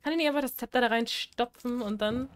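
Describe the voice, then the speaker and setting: A woman casually commenting on a horror video game as she plays, chatting to the game's characters and swinging between shrieks and low mumbling. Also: quick pace, slight background noise. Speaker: gaming streamer. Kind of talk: casual Let's Play commentary.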